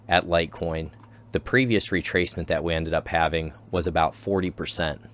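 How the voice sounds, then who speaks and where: Deep-voiced man explaining price charts. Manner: casual, explanatory, repeats key terms. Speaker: crypto channel host. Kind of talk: chart analysis commentary.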